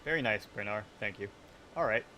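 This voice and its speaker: A man's voice: lowish voice, lively intonation, fairly quick, background noise. A man giving casual, chatty commentary while streaming a video game, talking to himself and joking along the way. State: hiccuping.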